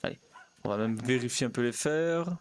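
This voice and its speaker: A man's voice: mid-range voice, normal speed, slight background noise. Chatty man voicing a pastor in role-play. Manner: chatty, mutters to himself, jokes, coaxes his horse. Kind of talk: in-character role-play narration.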